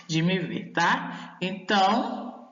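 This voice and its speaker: A Brazilian woman teaching a video lesson to young children, sounding out words slowly and deliberately in an affectionate manner. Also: mid-range voice, animated. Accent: Brazilian Portuguese. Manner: affectionate toward young pupils. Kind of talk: recorded primary-school video lesson. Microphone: voice-over off camera. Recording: echoey, dull room sound.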